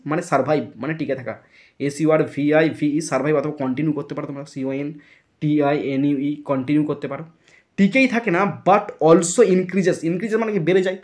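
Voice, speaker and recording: A man teaching an English grammar lesson, explaining step by step, spelling words out letter by letter and checking if students follow. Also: a little high. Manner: checks understanding with repeated questions.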